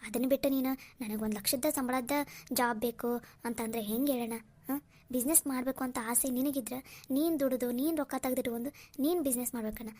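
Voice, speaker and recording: A woman's voice: sits high, steady tone, fairly quick, darkish tone. A woman voicing a caring younger sister in a cartoon drama, earnest and scolding. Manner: earnest, scolding, tearful pleas.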